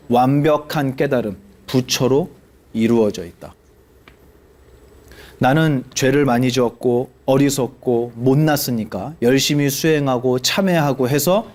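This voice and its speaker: A male Buddhist monk giving a lively sermon to an audience, asking them questions and acting out the people he quotes. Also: medium pitch. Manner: animated, asks the audience questions and acts out quoted speech.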